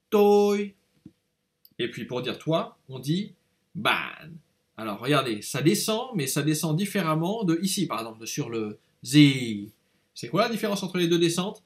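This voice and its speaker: A man teaching a language lesson, patiently explaining and repeating words aloud to show each tone. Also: on the high side.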